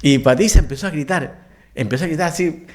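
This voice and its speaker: A man's voice: on the high side, fast talker. A Chilean man, a pastor, telling a personal story in a sermon and often checking with the congregation. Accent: Chilean Spanish. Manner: animated, asks the congregation questions. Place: church.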